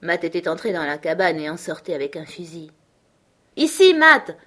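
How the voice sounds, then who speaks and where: A woman narrating a classic novel as an audiobook, in a steady, measured storytelling manner. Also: sits low. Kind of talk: literary narration.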